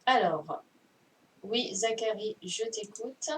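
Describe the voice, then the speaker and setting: A woman's voice: medium pitch, slow, fairly bright tone. A woman teaching a primary class over a video call, correcting a dictation patiently and often checking that the children understand. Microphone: computer mic on a video call. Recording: distant mic with faint noise.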